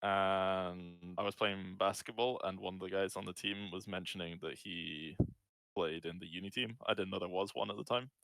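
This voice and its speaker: A Scottish esports player in his twenties answers casual interview questions as a guest, sounding laid-back and hesitant. His low, gravelly voice is steady, a bit bright, and at normal speed, recorded dry.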